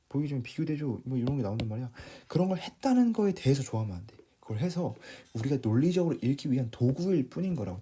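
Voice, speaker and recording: A man's voice: mid-range voice, dark tone, slight background noise. A man teaching English reading in a casual lecture, talking plainly to his students, often rephrasing and checking in with them.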